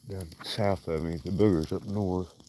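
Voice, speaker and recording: A man's voice: deep voice, steady tone, moderate pace, warm tone. A man with an Appalachian accent and a folksy rural way of talking, chatting casually on a livestream. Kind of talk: casual fireside livestream chat. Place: outdoors at night by a fire. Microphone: handheld phone. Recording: clearly noisy outdoor phone recording.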